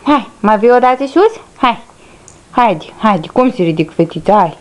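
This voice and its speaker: A woman's voice: medium pitch, lively intonation. A woman talking baby talk to her infant daughter, coaxing her with sing-song, repeated words at home. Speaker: mother.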